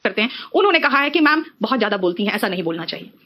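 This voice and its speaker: A middle-aged woman teaching an exam-prep English lesson, calling her students "beta" and slowing down to spell out example sentences. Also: medium pitch, big pitch swings, pushed and bright. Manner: addresses students as beta, mixes Hindi and English.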